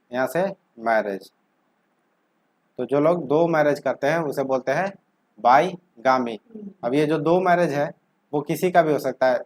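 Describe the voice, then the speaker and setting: A young man teaching vocabulary in a lesson, asking questions and answering them himself and drawing words out as he says them. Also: mid-range voice. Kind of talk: explanatory lesson with questions to the viewer.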